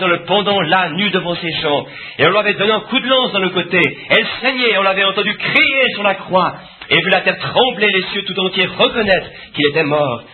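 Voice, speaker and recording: A man preaching a sermon with impassioned, rising and falling emphasis. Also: sits high. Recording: tinny phone-like old sermon recording.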